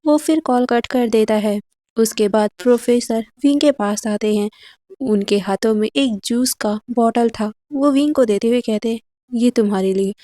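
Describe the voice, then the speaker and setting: A woman's voice: fairly high pitch, warm tone, no echo, clean studio sound. A woman narrating a fan fiction story in a casual, chatty way, sprinkling in English words. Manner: conversational, mixes in English words.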